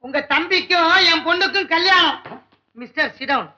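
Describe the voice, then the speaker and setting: A brash, cheeky shop clerk. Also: male voice, very high-pitched, moderate pace, pushed and bright, exaggerated voice. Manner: brash, teasing, mock-formal. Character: cheeky middle-aged male shop clerk, bold then groveling. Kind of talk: 1960s film comedy dialogue. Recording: dull old film soundtrack.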